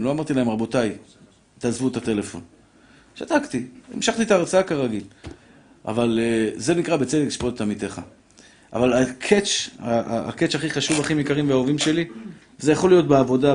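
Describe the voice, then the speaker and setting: A middle-aged man giving a lively Torah lesson, acting out voices in his stories and addressing his listeners fondly. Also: medium pitch. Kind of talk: lively sermon with anecdotes.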